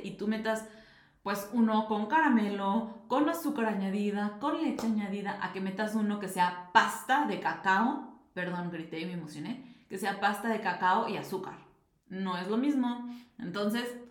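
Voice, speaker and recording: A woman's voice: mid-range voice, echoey room. A young adult woman, hosting a podcast and chatting casually with lots of fillers. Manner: chatty, animated, many fillers. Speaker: podcast host. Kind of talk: casual nutrition talk.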